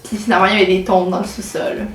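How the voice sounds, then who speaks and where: A late-teen girl with a Québécois French accent vlogs casually to the camera, talking very fast at a medium pitch with little rise or fall. Her chatter is packed with fillers and English words, and the echoey room carries faint music behind her.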